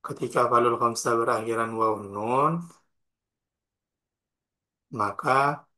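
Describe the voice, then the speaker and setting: A man with an Indonesian accent teaching a grammar class in a bright, clear voice at an average pitch. He goes slowly and deliberately, spelling out each form and its examples one by one. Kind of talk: classroom lesson explaining grammar.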